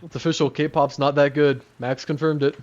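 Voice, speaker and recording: A man's voice: fairly high pitch, flat delivery, moderate pace, a little mellow, lo-fi sound. A man casting an esports match as play-by-play commentator, joking and laughing between calls. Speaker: esports caster.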